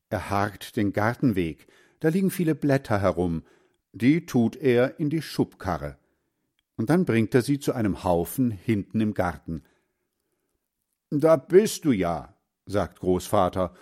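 Male storyteller for children's audiobook; unhurried, lively melody. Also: lowish voice. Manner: slow, expressive, clear. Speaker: narrator.

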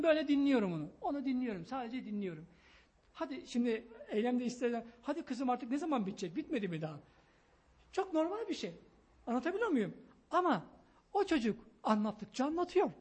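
A man giving an emphatic, excitable sermon on parenting, pleading with his listeners in a loud voice. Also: very high voice, breathy edge. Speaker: preacher.

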